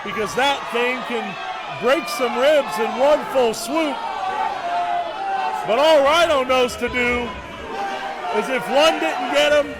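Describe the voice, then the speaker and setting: A man doing live wrestling commentary in a very high, strained-up pitch, with emphatic exclamatory calls. He is recorded amid a very loud crowd and heavy noise at the event. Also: takes it slowly, pauses often.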